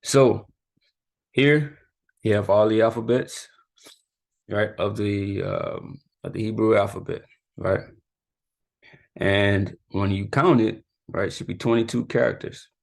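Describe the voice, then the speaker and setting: A gravelly, lowish male voice moves slowly and evenly, pausing often. As a youth teacher giving a relaxed lesson, he keeps things informal, ends lines with "right?" or "you know," and laughs at his own mistakes.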